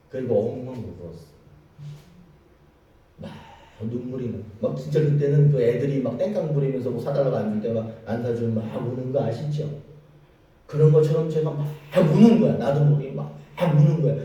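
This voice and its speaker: A male pastor preaching a sermon, telling a personal story in an animated way with laughing asides. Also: mid-range voice, far from the mic, muffled recording. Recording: echoey church from afar.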